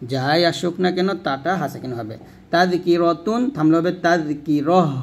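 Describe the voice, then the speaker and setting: A man teaching the rules of Quran recitation, explaining each rule step by step and then reciting the example words slowly and drawn out. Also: fairly high pitch, vocal fry.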